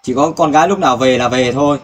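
A man's voice: mid-range voice, fast. A man interviewing an elderly father and appealing to viewers for help, speaking in a compassionate, soothing way. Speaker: interviewer for a volunteer search team.

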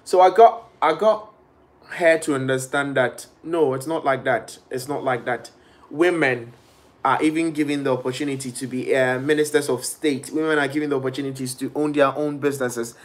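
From a small bedroom, a young man from Ghana speaks into a webcam on a laptop or phone held at arm's length, live-streaming to viewers. His voice is medium in pitch and his pace moderate. He is casual and animated, gesturing often and voicing the people he quotes in different tones.

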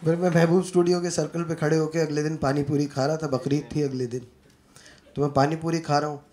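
On a comedy club stage before a live audience, a young man from Uttar Pradesh, India, performs an animated stand-up set, switching between Hindi and English and acting out the people in his stories. His voice is on the high side and quick-paced, picked up by a handheld corded mic. The live club recording carries audible crowd noise and audience laughter.

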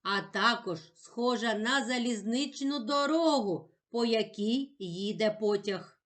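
A woman teacher giving a patient, encouraging lesson for young children, sounding words out slowly and carefully. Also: a little high. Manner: slow, carefully sounded-out speech.

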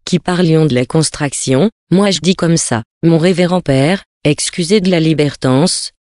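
Reader playing a hoarse rough boatman, rustic, rambling, dry close sound. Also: medium pitch, a little slow, darkish tone, no room sound, close to an everyday voice. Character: hoarse rough river boatman telling a tale.

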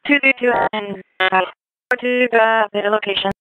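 A woman working as a police dispatcher repeats reports in clipped, procedural phrases over a scanner radio. Her medium-pitched voice has a sharp tone at normal speed, and the audio is noisy police scanner radio with clicks.

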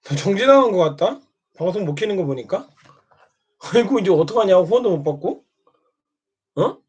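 In a dull, lo-fi recording, a husky, high-pitched man speaks at a moderate pace with lively intonation. His monologue ridicules and berates a fellow streamer, poking at him repeatedly with brief questions ending in a needling "eh?".

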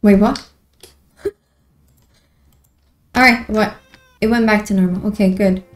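A woman's voice: mid-range voice, steady tone, slow pace, a little hiss or hum. A woman streamer giving casual commentary while playing a horror game, easily startled and talking to herself. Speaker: gameplay streamer.

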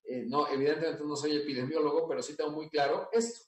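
A man's voice: fairly high pitch, fairly even intonation, fast talker. Man, middle-aged, Mexican accent, conference talk, analytical with fillers, echoey room. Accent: Mexican Spanish. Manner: analytical, many fillers and asides. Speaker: conference speaker. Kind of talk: conference talk over video call. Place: indoor room. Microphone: webcam on video call. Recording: echoey room, mic at a distance.

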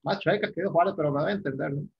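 Gravelly male teacher on dull audio. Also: a little high, rapid-fire. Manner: patient, repetitive, explaining step by step with tag questions. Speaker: English teacher. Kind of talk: recorded class explanation.

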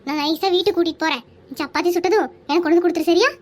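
Woman voicing a shrill scolding village wife. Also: a little mellow, slight background noise. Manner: shrill, nagging, quick to scold. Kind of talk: animated cartoon dialogue.

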